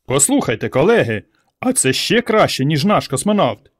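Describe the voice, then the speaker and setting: A man's voice: fairly high pitch, very animated, moderate pace, pitched above the performer's own voice. A brash young village man, a know-it-all, boasts in a raised, pushy voice, as a male reader does him. He speaks with cocky self-assurance, a storybook figure read aloud. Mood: boastful.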